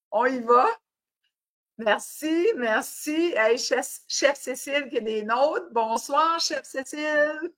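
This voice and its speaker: Hosting a laid-back fitness live stream, an Acadian French-accented woman from New Brunswick, Canada, cheers her viewers on cheerfully and drops English words into her speech. Her voice is a little high and a bit bright.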